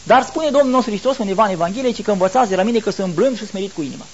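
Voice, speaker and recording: A man's voice: high-pitched, expressive, a little hiss or hum. A middle-aged man preaching a sermon to the faithful in an earnest, explanatory way, asking rhetorical questions and answering them.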